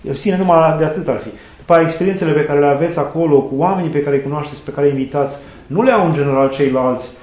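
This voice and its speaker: A man's voice: on the high side, few pauses, a little mellow. A middle-aged man, an Orthodox priest, telling earnest stories in a conversational interview and quoting sayings and saints. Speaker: Orthodox priest and student chaplain. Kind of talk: conversational interview, reflective storytelling. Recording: echoey room.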